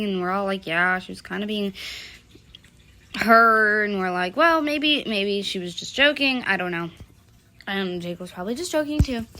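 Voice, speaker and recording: A woman's voice: medium pitch, bright, forceful tone. A young woman telling a casual storytime, rambling with lots of fillers and loosely quoting the others. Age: young adult.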